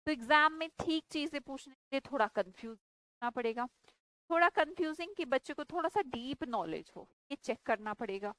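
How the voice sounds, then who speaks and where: A woman's voice: on the high side, dry recording, poor audio. Emphatic woman teaching grammar. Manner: scolding, questioning students, emphatic repetition. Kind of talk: online class lecture.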